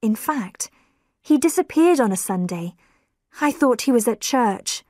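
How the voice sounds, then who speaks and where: Casting: reader as anxious wife, earnest, slow delivery, dry sound. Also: female voice, a little high, lively intonation, darkish tone, no room sound. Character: worried wife of a missing man.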